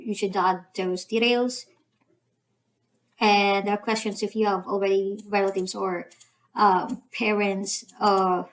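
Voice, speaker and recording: A young woman from the Philippines, speaking with a Filipino accent, hosts a channel and walks through an online form step by step in a casual screen-recorded tutorial. Her medium-pitched voice is hesitant, packed with "um" and "you know." The recording quality is low.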